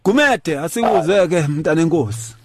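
A man's voice: on the high side, lively intonation, normal speed, noisy background. A man with a South African accent hosting a casual talk show, switching between English and a Nguni language. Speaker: radio host.

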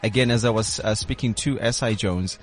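A man's voice: on the low side, a little fast. A man hosting a radio show from a studio, chatty, with many fillers and restarts. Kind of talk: radio interview and promo read.

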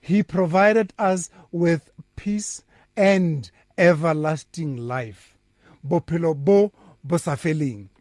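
A man's voice: fairly high pitch, slow, a little mellow, dry recording, studio quality. A man with a South African accent teaches the Bible conversationally as a radio pastor, asking questions and checking that he is followed. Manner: didactic, asks questions and checks understanding.

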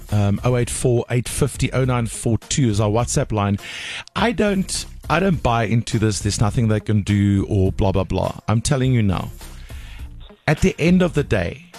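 A South African radio talk show host with a medium-pitched, slightly mellow voice chats casually and emphatically on a phone-in, moving back and forth between English and Afrikaans.

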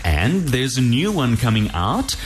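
A man's voice: mid-range voice, very animated, measured pace. Namibian man hosting radio over music. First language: Afrikaans. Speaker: radio host. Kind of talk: radio interview.

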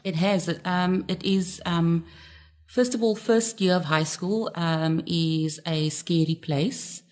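Casting: woman, middle-aged, lower voice, candid radio guest. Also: fairly even intonation, slow, darkish tone. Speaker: interview guest, parent.

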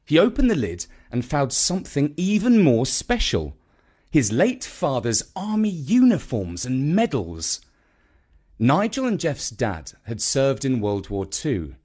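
A man with a British accent and a husky, mid-range voice narrates a scripted children's tale in an expressive yet measured storytelling way.

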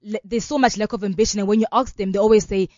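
A South African woman in her twenties, a law student and founder of an organization, speaks fast in a mid-range, slightly mellow voice with fairly even intonation. Earnest and fluent in this radio interview, she fills her speech with "you know." The recording has no echo and its highs are cut off.

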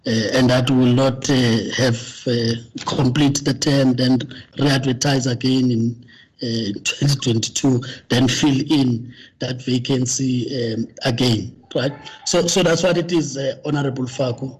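A man chairing a formal committee meeting, speaking haltingly with many fillers. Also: mid-range voice, steady tone, breathy edge, poor audio.

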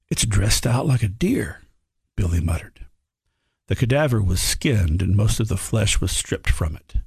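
Gravelly, husky male storyteller. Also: lowish voice, darkish tone, no echo, clean studio sound. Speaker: narrator. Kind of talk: scripted narration of a frontier horror story.

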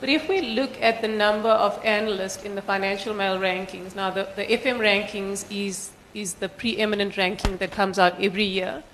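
A woman with a croaky, congested frog voice, presenting statistics to a panel audience in a measured, formal way. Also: mid-range voice, fairly even intonation, a bit bright, slight background noise, poor audio. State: croaky from post-nasal drip. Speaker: panelist from a brokerage.

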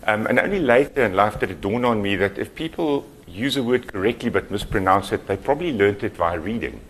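A man's voice: fairly low pitch, lively intonation, brisk. A middle-aged man from South Africa, a native Afrikaans speaker, giving a conversational, self-deprecating conference talk. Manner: self-deprecating, conversational, chuckles at his own jokes. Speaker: keynote speaker.

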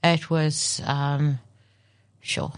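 A middle-aged woman psychologist from South Africa talks reflectively in an interview, with a somewhat low voice and a dry, close sound. She repeats phrases for emphasis. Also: level tone, drawn-out words, clear, resonant tone, dry recording. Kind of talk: in-depth interview conversation.

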